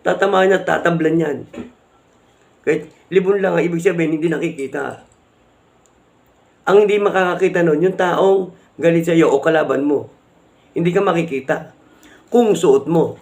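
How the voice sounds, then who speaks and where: Gravelly Filipino man explaining amulets. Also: fairly high pitch, normal speed, long pauses. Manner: repetitive, rhetorical, keeps asking viewers to agree. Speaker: amulet vlogger. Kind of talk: casual explanatory talk to viewers.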